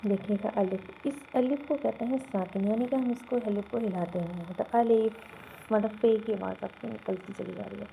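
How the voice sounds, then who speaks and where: A woman's voice: medium pitch, vocal fry, hardly any pauses, dark tone, a little hiss or hum, rough recording. A woman teaching a beginner Quran reading lesson, speaking patiently and checking often that learners follow. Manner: patient, asks learners to repeat, checks with "theek hai?".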